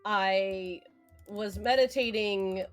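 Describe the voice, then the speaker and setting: A woman's voice: mid-range voice, extremely slow, faint music behind. A woman playing a tabletop game, chatty, laughing and cursing casually as she retells events. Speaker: player.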